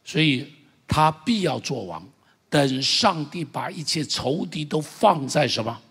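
A middle-aged male pastor giving an impassioned sermon, with loud exclamations and calls for the congregation to repeat after him. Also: on the high side, sing-song, unhurried, husky. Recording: long church-hall reverb.

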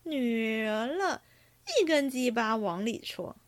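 A woman voicing a brash, crude young rich man at a drinking game, talking loud and blustering. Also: fairly high pitch, animated, slow, no echo.

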